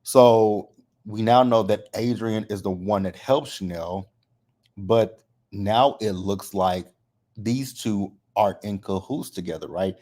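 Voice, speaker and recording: A man's voice: fairly low pitch, takes it slowly, dark tone. A man giving a casual, conversational recap with a slight lisp from wearing braces, often tagging his points with a questioning "right?". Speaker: host of a TV episode recap.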